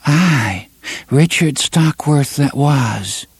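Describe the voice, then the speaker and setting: A man's voice: a little high, lively intonation, breathy edge, dry recording, pitched above the performer's own voice, full character voice. A man doing an entranced young woman's voice. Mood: dazed. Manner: dreaming, faint, slow.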